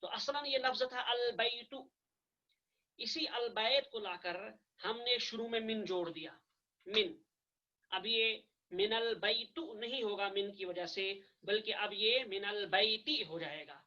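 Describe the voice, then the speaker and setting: A man's voice: high-pitched, slow pace, bright, forceful tone, dull audio. A man teaching an online class in a patient way, repeating and spelling out each point over a video call microphone.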